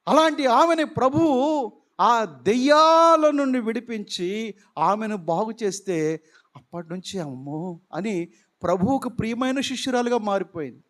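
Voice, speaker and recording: High-pitched slow-preaching man. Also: lively intonation, a bit bright. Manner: preaching with rhetorical questions, mixing in English phrases. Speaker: pastor. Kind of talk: sermon.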